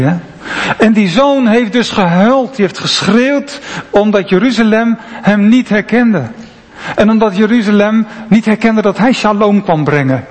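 Pastor preaching in a reverberant church. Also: male voice, sits high. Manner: earnest, reflective, drops to near-whisper at times. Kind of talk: sermon. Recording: long church reverb, faint ambient noise.

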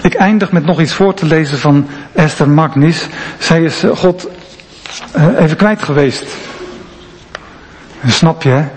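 A fairly high-voiced man, a pastor, gives an earnest, reflective sermon in a church. He sometimes drops almost to a whisper. Long reverb carries his voice, with faint room noise underneath. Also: a little slow, long pauses.

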